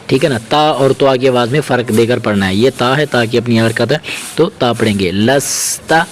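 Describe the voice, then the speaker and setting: A man's voice: medium pitch, slight background noise. Patient man teaching letter by letter. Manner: slow, patient spelling-out of letters, often checking "ٹھیک ہے؟". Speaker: Quran reading teacher. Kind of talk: step-by-step Quran reading lesson.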